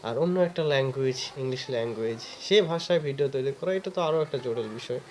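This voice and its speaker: A man talking earnestly to the camera, encouraging learners with patient advice and drawn-out fillers. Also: medium pitch, slight background noise. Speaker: vlogger giving advice. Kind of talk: casual talk to camera.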